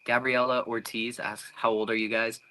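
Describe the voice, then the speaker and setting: Young man, twenties, bright tense tone, casual livestream talk, reads chat comments. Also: mid-range voice, little pitch movement, normal speed, a little hiss or hum, rough recording. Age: 20s. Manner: reads out viewer comments chattily. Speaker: livestream co-host.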